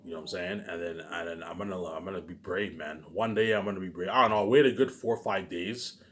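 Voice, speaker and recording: A deep, quick, somewhat bright male voice, with slight noise behind it. He's a self-published writer vlogging a rambling rant to viewers, cursing and bragging, looping back to repeated words and adding "obviously" again and again.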